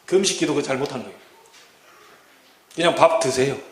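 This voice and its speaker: In an echoey church hall, a middle-aged pastor with a mid-range voice preaches a sermon at a brisk pace. Standing in the sanctuary, he acts out scenes using dramatic voices.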